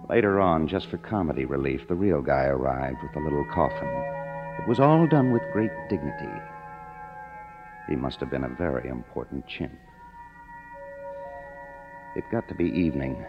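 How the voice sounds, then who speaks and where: In a 1950s radio drama, an American man plays a cynical, broke young screenwriter narrating his own story, wry, weary, and sardonic. His extremely low voice is expressive, moving at a moderate pace with frequent pauses. The old broadcast sounds muffled, with music behind him.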